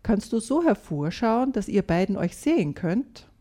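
A woman reading a story aloud and voicing a gentle, patient father of two small children in a soft, quiet voice. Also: mid-range voice, very animated, moderate pace.

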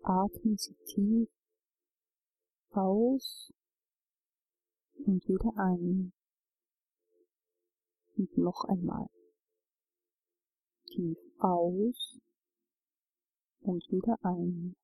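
A woman narrating a guided relaxation journey, giving calm, soothing instructions. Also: mid-range voice, very slow, pauses often, slightly rough, no room sound, poor audio.

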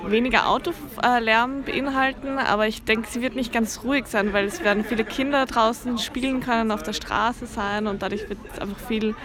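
A woman at a festival answers a street interviewer thoughtfully, pausing often to find her words. Her pitch is ordinary, and a lively crowd chatters clearly behind her. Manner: thoughtful, many hesitations. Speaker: festival visitor. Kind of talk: vox pop answer.

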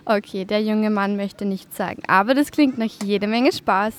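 A woman's voice: medium pitch, moderate pace. A woman radio reporter at a children's festival, asking children friendly, encouraging questions. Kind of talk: event interview with children.

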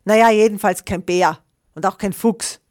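A woman's voice: medium pitch, normal speed, darkish tone, no echo, studio quality, lightly acted. A woman voicing a grumpy, boastful big male brown bear in a storybook reading. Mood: flustered. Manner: grumbling, exasperated, boastful.

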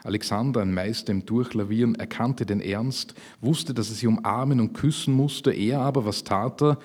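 A man reading his own fiction aloud at a literary event, measured and slowing for emphasis. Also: mid-range voice, darkish tone, slightly rough. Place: public reading at a literary festival.

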